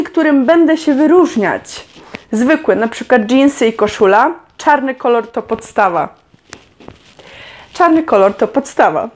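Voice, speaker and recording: A young woman casually reading quiz questions aloud and answering them with chatty, sarcastic comments. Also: on the high side. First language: Polish. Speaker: vlogger.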